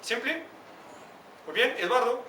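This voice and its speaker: A male teacher with a high, bright voice leads an Arabic class, drilling pronunciation and calling on students. He is picked up from a distance in an echoey classroom with faint background noise. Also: expressive. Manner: asks students questions by name, drills pronunciation slowly. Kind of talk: classroom lesson.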